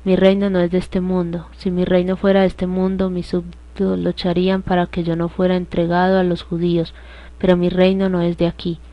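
A woman reading the lines of a calm male prisoner, in a measured, even way. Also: fairly low pitch, close to an everyday voice. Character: calm male prisoner speaking of his kingdom. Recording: dull lo-fi dry recording.

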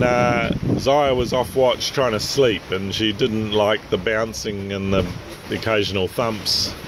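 A middle-aged man hosting a sailing vlog, talking in a relaxed, matter-of-fact way with sailing terms, filmed in a boat's open cockpit at sea. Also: mid-range voice. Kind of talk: casual vlog narration. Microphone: handheld camera mic, wind on it. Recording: windy outdoor camera audio. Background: wind and water noise.

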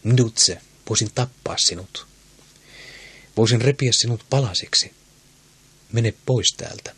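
A man's voice: on the low side, fairly bright tone, husky, full character voice. A man voicing a proud, passionate queen in an audiobook, speaking in a commanding, intense way.

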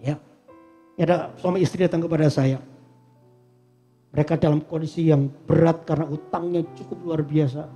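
A man's voice: a little high, steady tone, moderate pace, pauses often, warm tone, highs cut off, faint music behind. A man preaching a sermon as a pastor, telling stories and speaking directly to the congregation. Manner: storytelling, addresses the congregation directly. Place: church service before a congregation.

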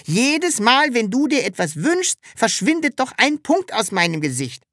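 A woman voicing a cheeky, stubborn, childlike magical creature in an audiobook, with a high, bright voice and an insistent, excitable way of talking. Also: unhurried, no room sound, studio quality, heavily acted. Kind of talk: audiobook character reading.

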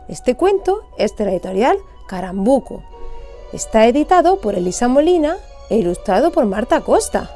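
A woman reads a children's storybook aloud. Her reading is expressive and sing-song, her pitch swoops up and down, and she sits fairly high for a woman. Soft music plays faintly beneath her.

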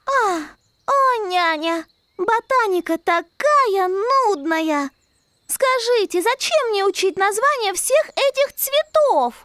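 A small fairy princess in a children's cartoon. The sweet girlish voice is very high, lilting and unhurried, drawing words out. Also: animated, fairly bright tone, no echo, clean studio sound, exaggerated voice. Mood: bored. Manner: childlike, drawn-out. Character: sweet, bored little fairy princess girl.

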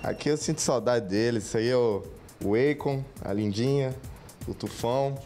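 A man's voice: mid-range voice, normal speed, soft background music. Young male athlete, laid-back banter, handheld mic at home. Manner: relaxed, joking, laughs often. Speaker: football goalkeeper being interviewed. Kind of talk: casual home-tour interview. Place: apartment indoors. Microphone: handheld reporter mic.

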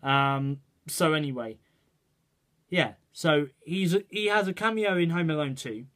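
A man's voice: on the high side, unhurried, a bit bright. A man ranting his opinions to camera in a rambling way, checking in with "right" and "okay". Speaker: vlogger. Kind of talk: casual opinion rant to camera.

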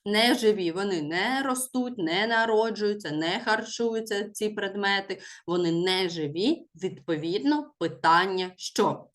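A woman teacher leads a school lesson at an unhurried pace. She speaks deliberately and stresses each word so children can write it down, in a voice of ordinary pitch. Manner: slow, deliberate, stresses words for dictation.

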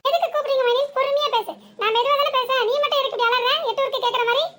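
A woman voicing a sharp-tongued young village wife in a comic cartoon, with a southern Tamil village accent and a scolding, sarcastic manner. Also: very high-pitched, fairly even intonation, very fast. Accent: southern Tamil village dialect. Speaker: cartoon character.

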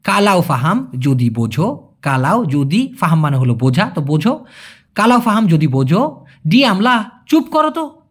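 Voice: mid-range voice, very animated, moderate pace, breathy edge. A language teacher, acting out short dialogues and then repeating and explaining each phrase word by word. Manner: acts out short dialogue lines in shifted voices. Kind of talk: explaining a role-played dialogue.

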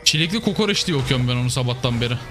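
A man's voice: mid-range voice, rapid-fire, over music. A young man giving casual live commentary over his own gameplay, muttering to himself one moment and yelping the next. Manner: excitable, swings between mutters and yelps. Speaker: gaming YouTuber.

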